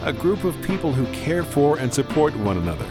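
A man's voice: a little high, very animated, a little fast, music in the background. A man reading a scripted radio ad in an upbeat, persuasive way. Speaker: ad announcer.

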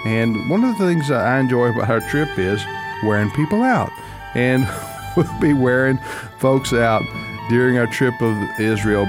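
A man reading a radio ad in an upbeat, folksy way. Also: lowish voice. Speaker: ministry president in a radio ad. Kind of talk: radio ad read.

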